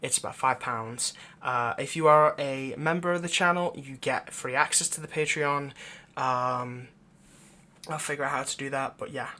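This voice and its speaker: A man who makes audio roleplays talks to his viewers in a casual outro full of plugs, rambling and hesitant in an informal way. His voice is medium-pitched and steady, at a moderate pace, with a bright, forceful tone.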